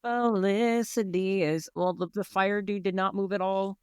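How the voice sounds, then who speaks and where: Male player, crisp tone, slightly high, dry recording, rambly delivery. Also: completely flat delivery, normal speed, no echo. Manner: loose, rambling with fillers. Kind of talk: casual tabletop play.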